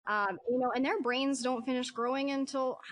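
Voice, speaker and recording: A woman dog trainer who is a guest in a casual conversation, chatty and animated as she tells stories. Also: high-pitched, normal speed.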